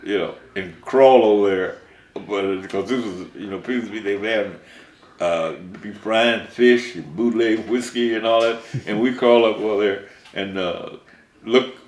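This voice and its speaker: A man's voice: lowish voice, unhurried, a little mellow, reverberant. An older man from Mississippi, a songwriter, recalling his life in a rambling way with many restarts.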